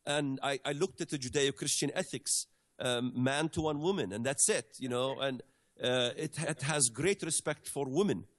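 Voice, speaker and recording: A man's voice: mid-range voice, normal speed. A man from the Middle East, a guest commentator explaining things in conversation, hesitant and full of fillers and restarts.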